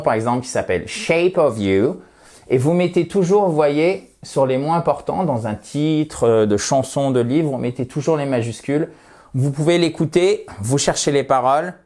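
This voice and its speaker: A man who speaks natively, teaching an English lesson online, lively and talking straight to his viewers, checking in with them often. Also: medium pitch.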